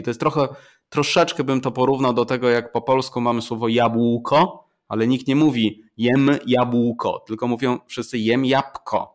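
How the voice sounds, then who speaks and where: A middle-aged man, a professor, explaining in an interview in a measured way with examples, with frequent fillers and restarts. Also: medium pitch. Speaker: professor of Chinese, interview guest.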